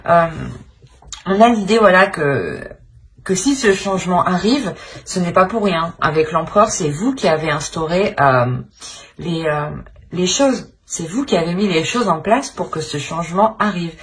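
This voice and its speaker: A tarot reader hosting her channel gives an improvised reading directly to the viewer in a fairly low, animated voice, a little slow. She feels her way along with repeated phrases and tag questions.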